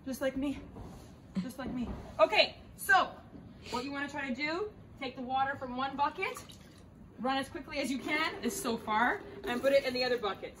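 This activity leader's voice is high, fairly quick, pushed and bright, with slight background noise behind it. She's a young woman running a playful backyard water-games demo for kids, full of jokes, bubbly energy and frequent laughter.

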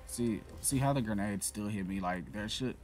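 A gaming channel host gives casual gameplay commentary in a lowish voice at normal speed, addressing the on-screen enemies and trash-talking them with plenty of swearing. Loud game music plays under his voice.

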